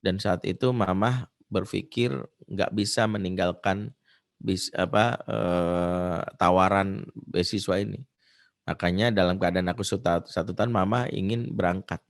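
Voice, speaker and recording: A man's voice: deep voice, steady tone, measured pace. A man, a preacher and counselor, giving a conversational religious talk with stories, dotting his lines with "ya". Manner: conversational, with frequent filler "ya". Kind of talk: religious study talk with storytelling.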